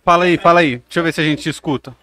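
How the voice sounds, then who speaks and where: A man's voice: on the high side, steady tone, very fast, fairly bright tone. A young man in a casual group chat, laid-back and teasing in slang.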